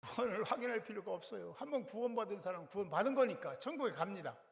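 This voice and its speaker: A man preaching a sermon in a fairly high, gravelly voice. He talks in emphatic bursts that rise sharply in volume. The sound rings with the long reverb of a church hall. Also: lively intonation, very fast. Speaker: pastor.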